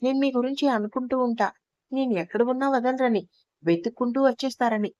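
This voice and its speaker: A woman voicing a gentle, playful young wife who speaks softly and teasingly. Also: fairly high pitch, brisk, dry recording, close to an everyday voice.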